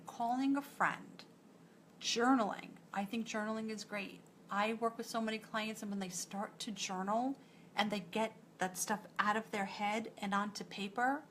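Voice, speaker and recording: A woman's voice: a little high, a little hiss or hum. A woman with a New York accent, a nutritionist giving a live coaching talk to an online group in a direct, encouraging way. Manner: direct, encouraging, strings thoughts with "and so".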